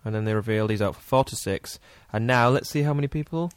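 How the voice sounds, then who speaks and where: A man's voice: lowish voice, fast, clean tone, no room sound. A man co-hosting a casual podcast, dry and blunt in his replies. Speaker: podcast co-host. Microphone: headset.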